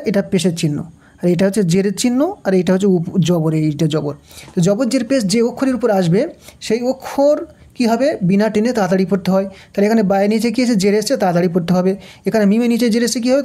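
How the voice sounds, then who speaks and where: Female Quran tutor, Bangladeshi Bengali accent, warm mellow tone, patient drill-style lesson with rhetorical questions. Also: mid-range voice. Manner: patient, repeats syllables slowly, asks and answers own questions. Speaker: Quran reading teacher. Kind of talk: step-by-step recitation lesson.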